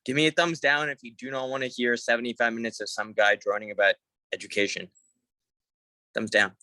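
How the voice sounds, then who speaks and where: In a laid-back video-call conference talk, a young man from Hong Kong rambles with fillers and false starts. His mid-range voice is steady, fairly quick, pushed and bright, captured in a dry, low-quality recording.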